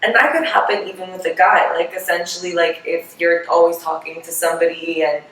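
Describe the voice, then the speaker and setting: A woman's voice: fairly low pitch, fairly even intonation, brisk, fairly bright tone. A young woman co-hosting a podcast in casual chat, emphatic and swearing as she rambles through her opinions. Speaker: podcast co-host. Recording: very echoey room, far from mic.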